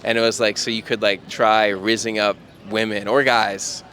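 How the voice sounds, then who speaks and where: A man's voice: fairly low pitch, flat delivery, moderate pace, pushed and bright. A man in his thirties hosting a casual street interview, laid-back and full of fillers. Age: 30s. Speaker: podcast host. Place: city street outdoors. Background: faint traffic.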